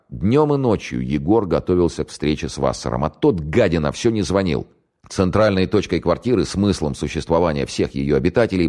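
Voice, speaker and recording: Very deep-voiced male audiobook narrator. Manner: expressive, animated storytelling.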